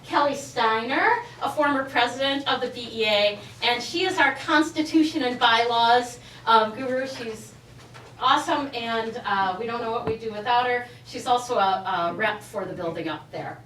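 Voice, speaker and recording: Introducing her colleagues individually, a woman heading the teachers' union speaks with enthusiasm before the school board. Her fairly high, somewhat bright voice keeps a moderate pace, and the distant, echoey recording carries a little hiss or hum.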